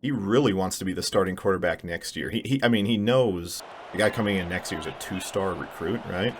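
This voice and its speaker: A gaming channel host with a deep voice offers casual let's-play commentary, speaking a little fast. He mumbles and pokes fun at himself as he plays, with slight background noise.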